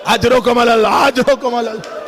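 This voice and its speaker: A man preaching a lament from the pulpit in Urdu with a Pakistani accent, wailing and chanting, his voice rising to strained shouts. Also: very high voice, steady tone, a faint crowd, a little hiss or hum. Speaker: Shia preacher reciting a lament. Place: gathering hall from the pulpit.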